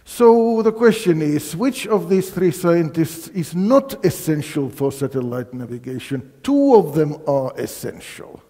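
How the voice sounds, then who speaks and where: A man's voice: on the high side, sing-song, measured pace, few pauses, dark tone. An older man from Finland giving a university physics colloquium, quizzing the audience with many fillers. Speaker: physics lecturer. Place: lecture hall. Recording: long hall reverb.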